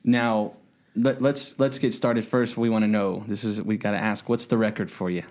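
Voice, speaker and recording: A man's voice: lowish voice, steady tone, normal speed, darkish tone. A man hosting a podcast interview, asking friendly, long, winding questions. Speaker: podcast host. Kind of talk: casual interview chat.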